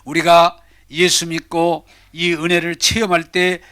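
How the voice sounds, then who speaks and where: An older pastor delivers a sermon with a bright, ringing voice in a dry, close sound. He swings dramatically from loud declarations to hushed whispers. His pitch sits a little high for a man. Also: level tone, measured pace, clean tone, no room sound.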